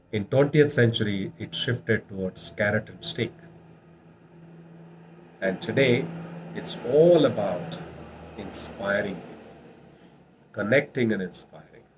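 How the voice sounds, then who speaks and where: A man with an Indian accent giving a motivational leadership lecture with storytelling, speaking deliberately and repeating phrases for emphasis. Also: on the low side, poor audio. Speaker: leadership trainer.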